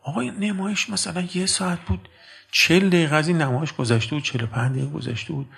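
Bright, gravelly male preacher. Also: a little high, steady tone. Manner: storytelling, swinging between hushed and emphatic; addresses listeners as dear friends. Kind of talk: sermon.

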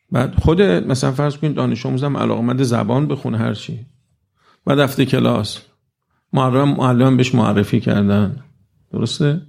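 A man giving a conversational religious lecture to a live audience, reciting verses slowly and often asking "right?". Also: medium pitch, creaky, darkish tone.

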